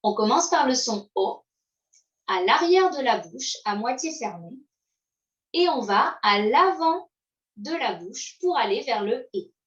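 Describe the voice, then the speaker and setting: A woman giving a slow pronunciation lesson, modeling sounds and pausing for learners to repeat. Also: a little high, very animated. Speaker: English pronunciation teacher. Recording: roomy, distant, dull sound.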